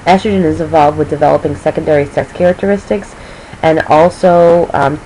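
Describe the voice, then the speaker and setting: A woman's voice: low voice, a little fast, dark tone, a little hiss or hum, rough recording. A woman teacher explaining a lesson review, losing her voice and checking in with her students as she goes. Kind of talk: recorded lecture review.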